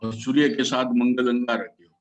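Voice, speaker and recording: A man's voice: mid-range voice, level tone, normal speed, soft background music. A man listening on a phone call and giving short murmured replies, heard over a muffled, distant phone line.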